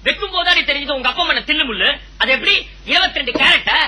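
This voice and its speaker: A man playing a broke music teacher and squabbling husband, full of quick punning comebacks, in a comedy audio drama. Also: very high-pitched, lively intonation, sharp tone, exaggerated voice, rough recording. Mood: bickering.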